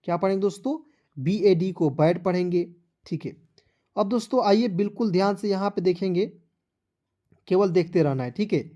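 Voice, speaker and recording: A man's voice: high-pitched, moderate pace, pauses often, dark tone. A man giving an online phonics lesson. He spells each word letter by letter and keeps quizzing viewers with patient repetition. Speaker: English teacher.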